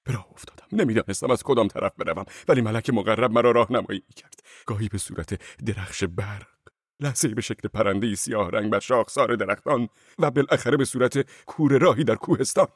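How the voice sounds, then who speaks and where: An actor playing a frantic, fervent fugitive monk in an audiobook drama, swinging between cries and hushed whispers. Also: male voice, fairly low pitch, slightly rough, no echo, studio quality. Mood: fearful, hushed.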